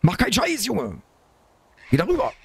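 A man commenting on his own survival game play, excitable, talking to himself and his viewers. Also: high-pitched, moderate pace, vocal fry, slight background noise. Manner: excitable, talks to himself and viewers, frequent exclamations. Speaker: gaming YouTuber.

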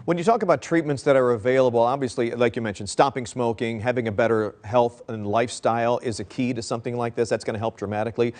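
A middle-aged man anchoring a studio news segment, asking brisk, friendly questions. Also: mid-range voice, fairly even intonation, darkish tone.

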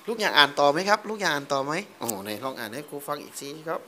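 A man coaches a young reader through a lesson, patient and encouraging. He spells words out slowly, syllable by syllable, and praises each small success. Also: fairly high pitch, sing-song, sharp tone, slight background noise. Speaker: reading teacher. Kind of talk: one-on-one reading lesson with a child.

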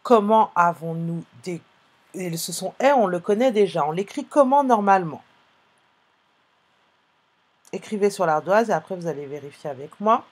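During a live online phonics class for young pupils, a woman with a fairly low, expressive voice speaks slowly and clearly. She patiently spells out the letters and the sounds they make.

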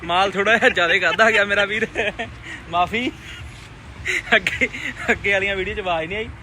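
A man with a Punjabi accent chats casually in vlog style. His voice is on the higher side, with clear vehicle and outdoor noise around him. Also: a little fast, bright, forceful tone. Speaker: vlogger. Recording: noisy outdoor and vehicle background.

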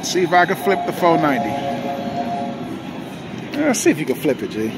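A man's voice: a little high, huge pitch swings, normal speed. A man with an American accent giving casual, slangy, cocky running commentary to viewers as he gambles. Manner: slangy, cocky self-talk. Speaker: vlogger gambling at a casino. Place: indoor casino at a gaming machine. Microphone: handheld phone. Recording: loud casino music behind handheld recording.

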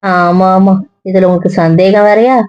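A woman teasing her family in casual banter, sharp-tongued and mocking. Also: mid-range voice, steady tone, moderate pace, dry recording, lo-fi sound. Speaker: wife in a family skit.

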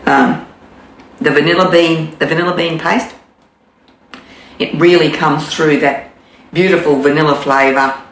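A deep voice with vocal fry comes from an Australian-accented woman in her sixties demonstrating a recipe at home. She's relaxed and chatty, pausing on many ums and restarting often. A camera in front at mid distance records her in an echoey kitchen with faint background noise.

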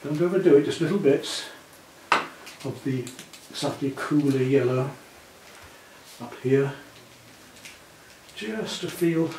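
A man in his sixties patiently teaches a student to paint in his living room, offering reassuring, step-by-step guidance in a mid-range voice, slow and with frequent pauses. A camera a few feet away captures him, so the sound is roomy and distant with background noise.

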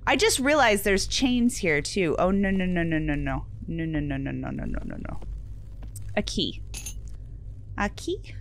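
A woman's voice: lowish voice, animated, measured pace, creaky, slight background noise. A young woman playing a horror game, talking to herself nervously, swearing, and dropping to whispers when scared. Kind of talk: let's play commentary.

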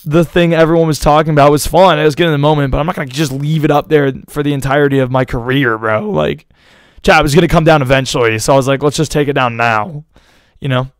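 A young male streamer with a somewhat high, smooth, clear voice that sounds a little worn out. He rambles loosely and slangily straight to his chat. The sound is close and dry, with no room around it. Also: steady tone, fast, hardly any pauses, dry recording. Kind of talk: casual live-stream chat.

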